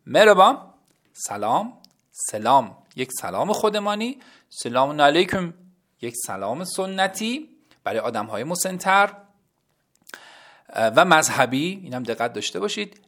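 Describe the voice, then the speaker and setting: A man teaching an audio language lesson, talking directly to his listeners and slowly repeating each word for them. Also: on the high side. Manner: lively, addresses listeners as kids, repeats words slowly.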